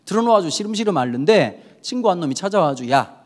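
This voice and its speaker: A middle-aged male pastor giving a sermon, telling the story with lively acted-out dialogue. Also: sits high, quick pace. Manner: lively storytelling, acting out quoted characters in dialogue.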